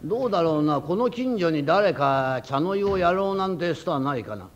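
A rakugo storyteller voicing an old retired man who frets over his tea ceremony in a slow, hesitant, mumbling way. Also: a little high, expressive, natural voice. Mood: fretful. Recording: dull lo-fi old recording.

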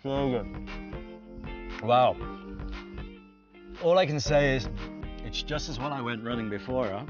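A man's voice: mid-range voice, a little slow, muffled recording, soft background music. A man hosting a travel cooking show, enthusiastic and exclaiming over the food as he chats with a chef. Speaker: host. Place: outdoors on a mountain, then a kitchen.

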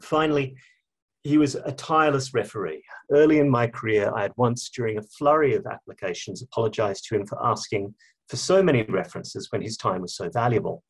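A man with an Australian accent speaks in a measured, anecdotal way at a tribute panel. His voice is slightly husky and sits at an ordinary middle pitch. He pauses now and then with small fillers as he reads prepared remarks. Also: expressive. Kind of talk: prepared speech.

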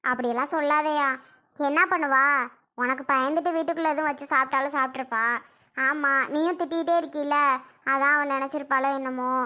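A woman acts out an anxious, soft-hearted village mother in a home-made family drama, and her voice sits very high and sounds bright and clear. She talks in an emotional, pleading way. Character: worried older village mother, tearful. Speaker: mother-in-law. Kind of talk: family skit acting.

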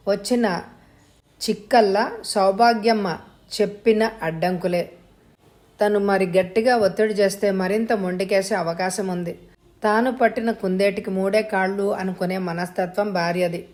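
A woman narrating a family story as an audiobook reader, with even, measured delivery. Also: mid-range voice.

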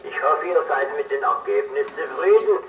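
A man's voice: on the high side, a little fast, slight background noise. A man calling in with greetings as an operator over CB radio, heard through a transmission. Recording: very echoey, distant radio, background chatter.

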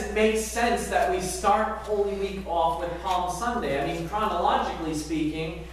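A middle-aged man preaching a sermon as pastor, animated, asking the congregation rhetorical questions. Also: high voice, slight background noise. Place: large church sanctuary, indoors. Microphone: far camera at back of church. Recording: very echoey sanctuary from far off.

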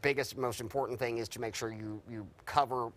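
Middle-aged chef explaining a recipe. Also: male voice, medium pitch, fairly quick. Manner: relaxed, explanatory, with small restarts. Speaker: guest chef. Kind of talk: cooking demonstration. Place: TV studio kitchen set.

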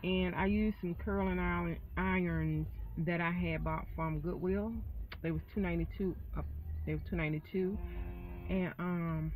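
A woman's voice: lowish voice, steady tone, moderate pace, a little mellow, a little hiss or hum, poor audio. A middle-aged woman vlogging casually from a parked car, talking in a rambling, folksy way into a tablet camera. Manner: rambling, folksy, says y'all often. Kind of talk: casual chatty car vlog. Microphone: tablet camera held close.

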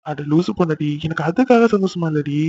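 Guy doing a playful teasing young husband, cartoon, rattles along fast, muffled audio. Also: a little high, animated, dark tone, breathy edge, no echo. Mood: coaxing. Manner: teasing, coaxing. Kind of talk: cartoon voice acting.

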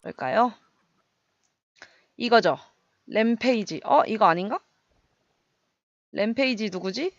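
Excitable woman narrating her gameplay. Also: mid-range voice, takes it slowly, pauses often, dry recording, highs cut off. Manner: excitable, chatty, making sound effects while fighting. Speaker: game streamer. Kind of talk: casual gameplay commentary.

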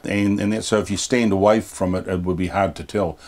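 A New Zealand man in his sixties speaks in a very low voice, plain-spoken and full of fillers. He is a boatbuilder being interviewed in a small yacht cabin on a lapel mic. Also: fairly even intonation, brisk, darkish tone. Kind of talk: casual interview.

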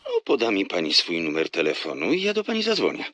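A man's voice: low-pitched, huge pitch swings, quick pace, fairly bright tone, no room sound, exaggerated voice. An actor playing a flirtatious, teasing salesman in a radio drama who laughs often as he talks on the phone. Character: flirtatious smooth-talking male salesman on phone.

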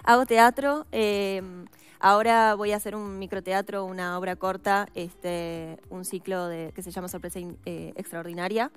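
Smooth-voiced Ukrainian-born actress, soft and hesitant. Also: female voice, medium pitch, steady tone, normal speed. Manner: soft-spoken, thoughtful, with many hesitations. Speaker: actress guest. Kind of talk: casual interview chat.

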